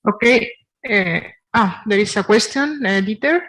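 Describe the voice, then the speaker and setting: A session chair moderating questions at an academic workshop in a relaxed, soft-spoken way. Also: mid-range voice, unhurried, rough recording.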